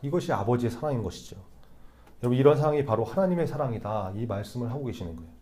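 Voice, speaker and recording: Mellow-voiced young male youth preacher. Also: mid-range voice, expressive, very fast. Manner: conversational, asks the listeners rhetorical questions. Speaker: youth pastor. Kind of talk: sermon.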